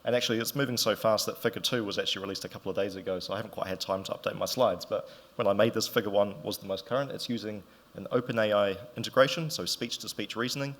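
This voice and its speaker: A man's voice: on the low side, fairly even intonation, fast, fairly bright tone. A man giving a casual conference talk, chatty with fillers and restarts. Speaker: conference presenter. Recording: reverberant hall.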